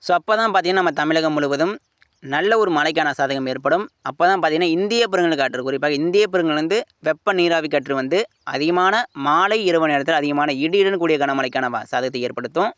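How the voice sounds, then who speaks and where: Fairly high dry-voiced forecaster man. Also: a little fast, a bit bright, no room sound. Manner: colloquial Tamil, repeats "you see" tag often. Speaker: weather forecaster. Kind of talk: unscripted weather forecast talk.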